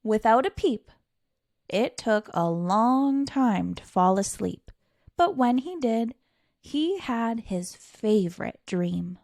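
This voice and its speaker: This storytime reader, a woman with a fairly high, expressive, slightly mellow voice, reads a picture book to young children theatrically and unhurriedly. She draws out key words and pauses for drama, in a close, dry recording with no echo.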